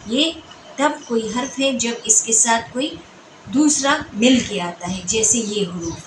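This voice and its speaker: A woman teaching Urdu letters and sounds to students in a patient lesson, repeating sounds slowly and checking whether they have understood. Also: on the high side. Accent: Pakistani Urdu. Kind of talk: classroom-style explanation to students. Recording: echoey room with background noise.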